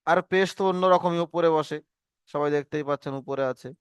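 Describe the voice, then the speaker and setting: A man's voice: a little high, fairly even intonation, a little fast, smooth, no echo. A man teaching Arabic reading marks to students, patiently repeating drills and checking that everyone follows. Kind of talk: online Arabic letter lesson.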